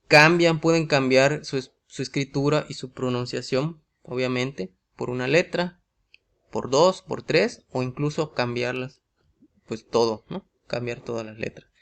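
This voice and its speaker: Male teacher with a Mexican Spanish accent, mid-pitched and gravelly, walks through rules with constant "¿sí?" check-ins. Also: measured pace, a bit bright. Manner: asks rhetorical questions, often adds a tag "¿sí?". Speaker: English teacher. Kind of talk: explaining grammar in a video lesson.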